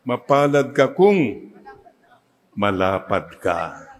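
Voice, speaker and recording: A man's voice: medium pitch, big pitch swings, very slow. A Filipino man, a priest, preaching a sermon that mixes Tagalog and English and leads the congregation in call-and-response. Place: church. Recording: long church reverb.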